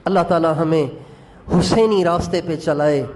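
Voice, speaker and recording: A man's voice: a little high, a little mellow. A man preaching a sermon, telling an emotional religious story and speaking directly to his congregation.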